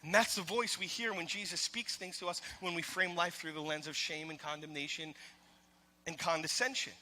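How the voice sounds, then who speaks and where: A man preaching in a church sanctuary, his high voice ringing with a long reverb across the hall. He is emphatic and repetitive, and he keeps putting rhetorical questions to the congregation. His tone is very bright and sharp. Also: fairly even intonation, moderate pace. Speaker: pastor. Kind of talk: sermon.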